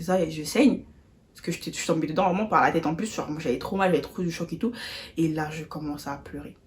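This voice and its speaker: A young adult woman vlogger telling a storytime while eating. She talks in animated, slangy bursts, sometimes with her mouth full, and acts out the people she quotes, swinging from loud to soft. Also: lowish voice. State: mouth full of food at times.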